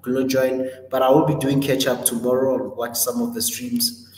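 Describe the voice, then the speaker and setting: Here the host talks at normal speed with a darkish, medium-pitched voice, casually laying out the week's livestream schedule amid many ums and corrections. Long reverb fills the echoey room.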